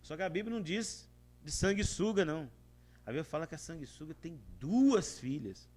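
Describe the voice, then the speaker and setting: Brazilian man preaching, higher voice, dramatic swings loud to hushed. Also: moderate pace. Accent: Brazilian Portuguese. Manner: addresses listeners as "amados", animated with big swings of pitch and volume. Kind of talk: sermon.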